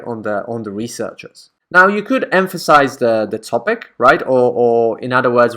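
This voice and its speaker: A man's voice: mid-range voice, a bit bright. A man teaching academic writing in a casual, conversational way, often checking in with the listener. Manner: conversational, checks in with frequent "right?".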